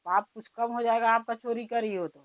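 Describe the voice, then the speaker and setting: A woman's voice: fairly high pitch, steady tone, moderate pace, no room sound, highs cut off, lightly acted. Storybook grandson, earnest and insistent, played by a woman storyteller. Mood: pleading. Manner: pleading, insistent. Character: honest pleading young grandson.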